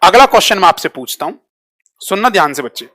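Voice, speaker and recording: A man's voice: sits high, very animated, pushed and bright. Quizzing male teacher. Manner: drills students with repeated quick questions; switches between Hindi and English terms. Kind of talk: live online class quiz.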